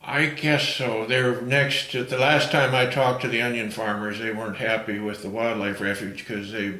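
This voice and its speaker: Halting low-voiced man, echoey room. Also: level tone, sharp tone. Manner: halting, restarts phrases. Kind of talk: casual interview conversation.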